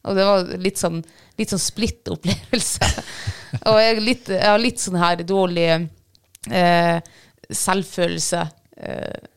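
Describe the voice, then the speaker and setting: Woman with a low, gravelly voice. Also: steady tone. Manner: candid, self-deprecating storytelling, laughs often. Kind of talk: casual chat.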